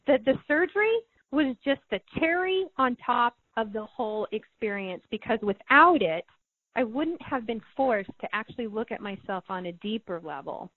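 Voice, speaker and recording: A woman in her forties, a life coach, telling a personal story in an interview, animated and acting out the voices she quotes. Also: medium pitch, no echo. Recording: dry, phone-like audio.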